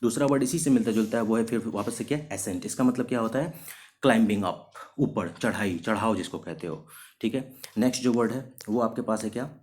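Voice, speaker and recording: A man with a fairly low voice gives an English vocabulary lesson on video. He works through each word patiently, asking a question and then answering it himself. His explanations are in Hindi with English terms mixed in. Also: a little mellow. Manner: slows down sharply to read out example sentences.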